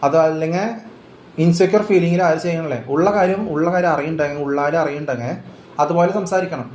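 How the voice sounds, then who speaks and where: Man, high voice, insistent lecturing, rhetorical questions, faint room noise. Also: fairly quick, darkish tone. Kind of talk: casual lecturing chat. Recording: roomy echo with faint ambient noise.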